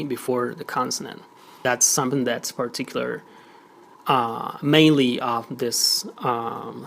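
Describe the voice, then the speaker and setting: Creaky-voiced male teacher explaining. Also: medium pitch, a bit bright, a little hiss or hum. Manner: explanatory, many fillers and check-ins like "okay?". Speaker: Spanish teacher. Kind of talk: recorded audio lesson.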